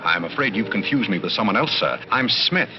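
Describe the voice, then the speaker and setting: An actor playing a composed, courteous butler with formal, measured manners in 1930s screwball comedy banter. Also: male voice, on the low side, expressive, dull audio, lightly acted. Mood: polite, guarded. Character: composed, courteous butler hiding his past. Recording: band-limited 1930s film soundtrack with music.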